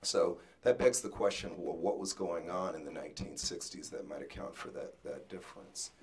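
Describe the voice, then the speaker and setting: A man giving an academic talk with slides as a panelist, pausing often and restarting his words. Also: low voice. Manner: halting, frequent restarts and fillers; jokes about rushing.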